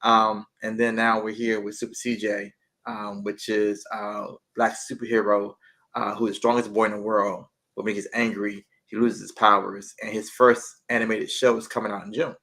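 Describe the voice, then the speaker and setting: Low gravelly guy chatting about his cartoon show, laid back. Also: little pitch movement, moderate pace, sharp tone. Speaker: guest, show creator. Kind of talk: casual interview.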